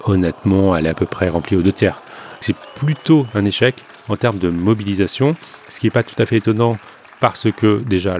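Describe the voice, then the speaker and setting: Deep-voiced man giving measured news analysis. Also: a little mellow. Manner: measured, with frequent hesitations. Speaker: political journalist.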